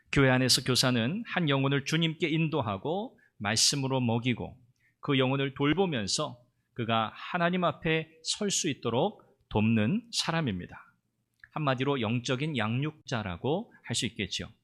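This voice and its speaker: A male pastor giving a Sunday morning sermon, measured and full of rhetorical questions and short interjections. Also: mid-range voice, a bit bright.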